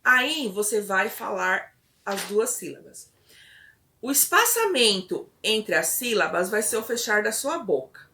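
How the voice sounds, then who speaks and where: Bright-voiced woman teaching step by step. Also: mid-range voice, expressive, unhurried. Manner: patient, checks in often with short tags. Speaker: instructor. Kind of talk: step-by-step explanatory lesson.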